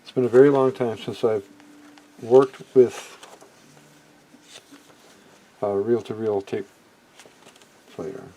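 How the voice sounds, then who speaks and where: A middle-aged or older man with a warm, medium-pitched voice and fairly even intonation shows off vintage electronics equipment at a measured pace. The demonstration is hands-on and unscripted, and he thinks aloud hesitantly, frequently leaving thoughts unfinished. It's a rough home recording with background noise.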